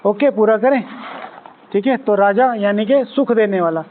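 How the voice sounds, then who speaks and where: A man with a high, light voice leads a spiritual class, speaking conversationally and checking in with his listeners. He acts out small everyday scenes to make his points. The sound is thin and tinny, like a phone line. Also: normal speed. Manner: conversational, asks the audience, acts out little quoted scenes. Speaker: spiritual teacher.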